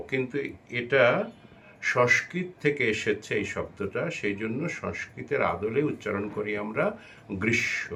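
A man's voice: lowish voice, fairly bright tone. A man giving a lesson on correct pronunciation, speaking carefully and repeating each word to model it. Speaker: pronunciation teacher. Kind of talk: instructional talk on pronunciation.

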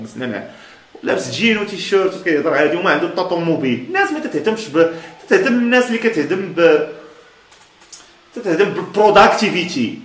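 Moroccan Amazigh-accented male speaker, lively emphatic motivational talk, blunt with frequent laughs. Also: high voice, reverberant.

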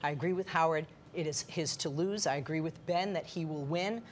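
A woman giving political commentary on a panel, emphatic and quick to restart her sentences. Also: low-pitched, a little hiss or hum. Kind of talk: panel discussion.

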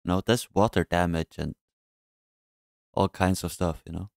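A man's voice: sits low, steady tone, unhurried, creaky, a little mellow, no echo, clean studio sound. A man giving casual reaction commentary as the host of a reaction video. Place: indoors at a desk. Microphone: microphone close in front.

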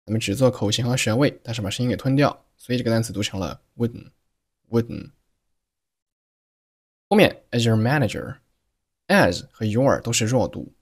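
A man teaching English pronunciation, patiently explaining each sound and repeating example words slowly. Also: on the low side, breathy edge.

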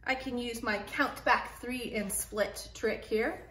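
A woman teaches phonics to young children, taking her time and drawing out each sound. Her voice sits a little high and is gently encouraging. The room gives it a noticeable echo. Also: steady tone, slow pace, a little hiss or hum. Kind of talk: early reading phonics lesson.

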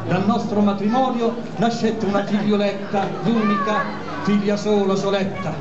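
Cheeky Neapolitan puppet clown, performed by a man, theatrical live show, high voice, dull sound with crowd around. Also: level tone, moderate pace, lightly acted. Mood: chatty, proud. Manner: theatrical, addressing the audience. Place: outdoor puppet booth through speakers, filmed from audience. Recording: dull echoey outdoor recording with crowd.

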